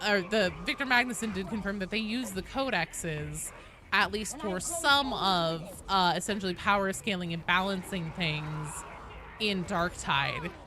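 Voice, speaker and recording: A woman with a medium-pitched voice speaks at a measured pace, background noise audible. She's casually chatting and commentating on a game livestream, rambling, swearing, and putting herself down.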